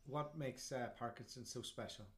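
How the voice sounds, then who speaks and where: A man's voice: mid-range voice, normal speed, fairly bright tone. A man with an Irish accent, hosting a podcast and interviewing in a casual, conversational way. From Ireland. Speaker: podcast host.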